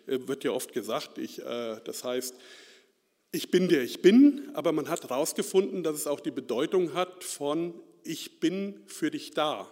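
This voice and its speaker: A man from Hesse, preaching an informal sermon in a chatty, self-deprecating way, full of fillers and "ne?" tag questions. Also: a little high. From Central Hesse, Germany. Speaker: lay preacher. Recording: reverberant hall.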